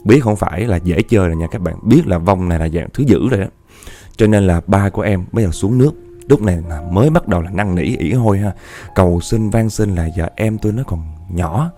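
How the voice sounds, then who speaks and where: Warm low storyteller man. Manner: animated, repeats words for effect, addresses listeners directly. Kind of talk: spoken ghost story narration.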